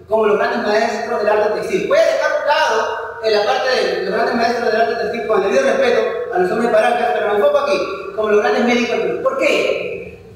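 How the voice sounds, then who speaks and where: High-voiced man lecturing. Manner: asks rhetorical questions and answers them, repeats key points. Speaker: history teacher. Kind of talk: classroom lecture. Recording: echoey hall, voice from far off.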